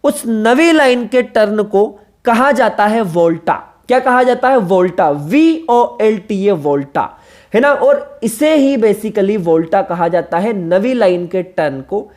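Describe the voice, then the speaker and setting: A woman's voice: mid-range voice, measured pace, hardly any pauses, darkish tone. Woman teaching a poetry lesson, spelling out terms. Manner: explanatory, repeats key terms and spells them out; checks in with listeners with rhetorical questions. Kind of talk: exam-prep literature lecture.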